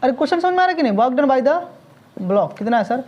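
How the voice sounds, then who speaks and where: A man's voice: very high-pitched, big pitch swings, quick pace, highs cut off. A man teaching physics to a classroom in Hindi mixed with English terms. He fires questions at the students, tacks "sir" onto almost every line and scolds them when they stall. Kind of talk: classroom lecture.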